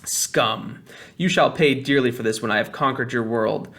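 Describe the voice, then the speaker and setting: A man's voice: medium pitch, normal speed, a bit bright, lightly acted. Guy reading as a haughty witch queen in a storybook, menacing and grand, declaiming everything. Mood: triumphant threat. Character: imperious, menacing witch empress, a powerful woman.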